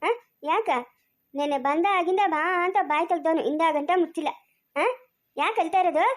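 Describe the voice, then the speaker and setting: A woman's voice: very high-pitched, normal speed. A woman acting a fretful, quarrelsome village woman in a homemade family drama, speaking with a rural Chikkaballapur Kannada accent and scolding, exclaiming and repeating her questions.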